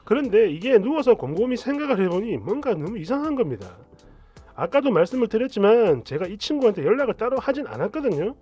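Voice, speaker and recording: A man's voice: sits high, sing-song, fast talker, breathy edge. A man narrating a story in a chatty first-person retelling. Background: soft background music.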